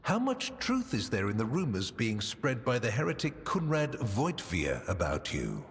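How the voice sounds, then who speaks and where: An actor playing a cold, pious, accusing Lord Inquisitor in a video game, speaking with soft, insinuating menace. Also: male voice, medium pitch, huge pitch swings, measured pace. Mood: probing, accusing. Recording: long reverb, music behind.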